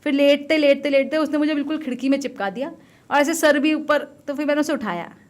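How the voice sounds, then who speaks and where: A woman's voice: high voice, fast talker. A woman in her thirties, an army officer guest, telling stories animatedly, laughing often and mixing in English. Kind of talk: casual interview storytelling.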